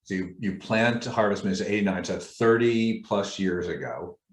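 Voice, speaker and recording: A man hosting an interview who responds to his guest in a measured, affirming way. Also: lowish voice. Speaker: interviewer, host. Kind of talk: conversational interview. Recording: roomy echo.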